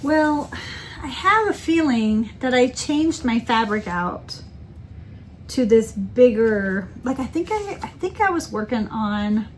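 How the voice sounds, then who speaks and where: Chatty woman with a slightly high voice. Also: lively intonation, takes it slowly, slight background noise. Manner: chatty, rambling, self-correcting with many ums. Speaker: cross-stitch vlogger. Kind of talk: casual chat.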